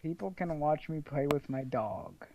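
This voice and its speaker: A man's voice: on the high side, lively intonation, unhurried, creaky, lo-fi sound, noisy background. A man co-hosting a podcast in casual chat, with dry, teasing banter. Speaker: podcast co-host.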